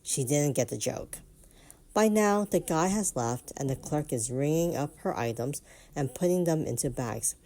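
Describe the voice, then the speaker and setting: Low-voiced woman reading online stories. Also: normal speed. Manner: amused, animated reactions. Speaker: reddit story narrator.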